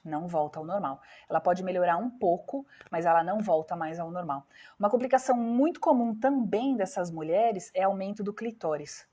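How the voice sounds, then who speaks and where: A woman's voice: on the low side, a little mellow, breathy edge. A woman with a Brazilian Portuguese accent, hosting a live stream as a doctor, explaining step by step and putting questions to her viewers. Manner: explanatory, asks viewers questions and answers them herself.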